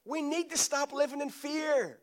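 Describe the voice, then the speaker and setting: High-voiced man preaching. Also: steady tone, moderate pace. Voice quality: emphatic preaching with repeated phrases and call-and-response. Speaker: pastor. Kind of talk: sermon.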